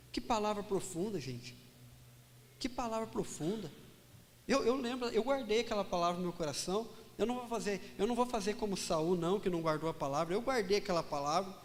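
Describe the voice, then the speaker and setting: Man preaching, high voice, tells a story all animated, echoey church hall. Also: brisk, slight background noise. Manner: animated, dramatic retelling with quoted dialogue. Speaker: pastor. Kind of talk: storytelling sermon.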